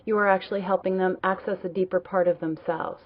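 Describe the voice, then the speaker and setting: A woman co-hosting a talk in a gentle, reflective way and passing on audience questions. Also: fairly low pitch, fairly even intonation, fast talker, no room sound. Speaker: co-host. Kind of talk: conversational livestream talk. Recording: dry, dull lo-fi sound.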